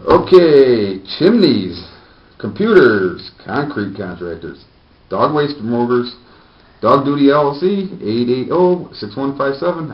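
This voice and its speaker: A man in his thirties hosting a homemade comedic news show reads a newspaper aloud, tossing in sardonic wisecracks as casual comic commentary, his pitch moving around a lot. He's in a small, plain indoor room, and the distant camera microphone makes the sound echoey and muffled.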